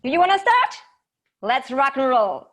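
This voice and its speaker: This woman, a voice coach and speaker, runs an interactive online session by video call at a normal speed, with big swings in pitch. Her English is slightly non-native, and she plays with pitch and loudness for effect.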